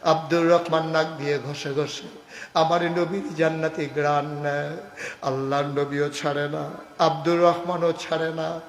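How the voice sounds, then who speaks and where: A man from Bangladesh preaching an impassioned waz sermon, swinging from low storytelling into loud, chanting, tearful cries. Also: little pitch movement, unhurried. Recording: echoey hall, often from far off.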